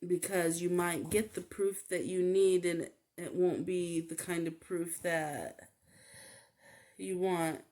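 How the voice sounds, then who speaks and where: A woman giving a casual tarot reading, talking in a halting way with many fillers. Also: fairly low pitch, level tone, mellow. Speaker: tarot reader.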